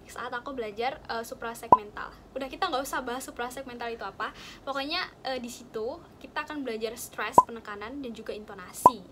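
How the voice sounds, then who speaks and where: A woman's voice: fairly high pitch, fairly quick, few pauses, very noisy. Chatty young woman explaining study tips. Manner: chatty, explains with many fillers and examples. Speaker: student sharing study tips. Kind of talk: casual explaining chat.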